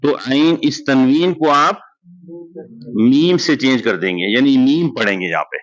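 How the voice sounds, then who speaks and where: A man teaching Quran recitation in a madrasa class, explaining step by step and slowly drawing out recited examples. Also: medium pitch, lo-fi sound. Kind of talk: classroom lesson.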